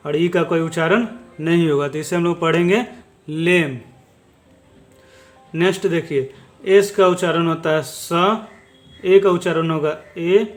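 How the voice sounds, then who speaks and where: A man teaching English reading, explaining slowly and repeating each letter sound. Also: a little high. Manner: slow, repetitive, spells out each letter. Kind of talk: explaining lesson.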